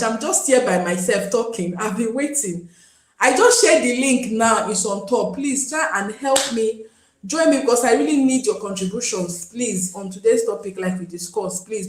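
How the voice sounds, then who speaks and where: A woman's voice: medium pitch, echoey room, low-quality recording. A Nigerian woman hosting a live stream, chatting casually and pleading with viewers to join. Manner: pleading, chatty, switches into pidgin.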